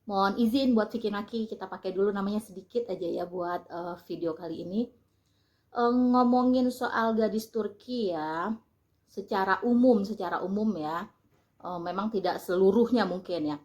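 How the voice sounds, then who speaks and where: An Indonesian woman vlogging in a relaxed, chatty way, explaining things with frequent fillers and pauses. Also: medium pitch. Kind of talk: casual vlog talk. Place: lives in Turkey.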